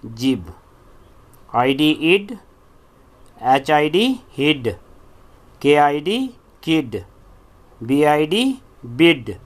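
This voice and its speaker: A male teacher leading a phonics drill, spelling out each word letter by letter and then saying it. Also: on the high side.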